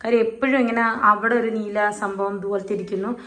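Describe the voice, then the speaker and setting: A young mother vlogging from her home kitchen, talking to viewers in low, soft asides. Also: fairly even intonation, fast talker. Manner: high sing-song baby talk with her toddler. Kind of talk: casual home vlog.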